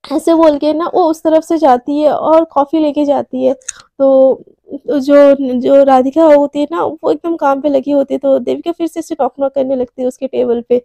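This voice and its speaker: A woman's voice: sits high, steady tone, moderate pace, creaky, mellow, dry recording. A young woman telling a romance story in a chatty, casual way, with lots of fillers and English words mixed in.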